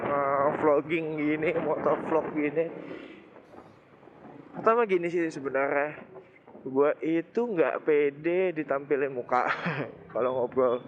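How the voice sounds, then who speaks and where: A young man with a Jakarta Indonesian accent and a lisped r he cannot roll, rambling casually and slangily to viewers as a motovlogger. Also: mid-range voice. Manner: chatty, slangy. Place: riding a motorbike outdoors. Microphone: cut-off earphone mic inside helmet. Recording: muffled earphone mic, loud vehicle and wind noise.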